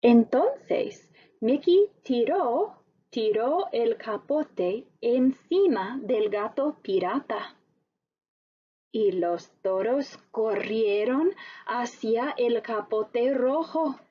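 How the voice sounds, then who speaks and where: A woman teacher narrating a story slowly and expressively for language learners. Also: fairly high pitch, slightly rough, muffled recording. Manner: very slow, deliberate, expressive storytelling.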